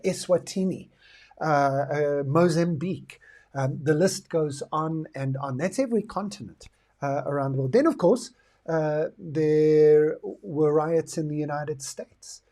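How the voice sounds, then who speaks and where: A middle-aged South African man hosts a talk to camera on current affairs and the future, explaining his views reflectively. His voice is a little high with a dark tone.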